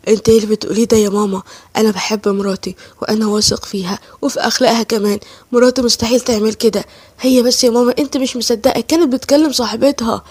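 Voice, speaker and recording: A woman's voice: fairly high pitch, fairly even intonation, rapid-fire, darkish tone, slightly rough, no echo. A woman voicing a loyal, tired young Egyptian husband who firmly defends his wife. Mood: protective. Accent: Egyptian Arabic.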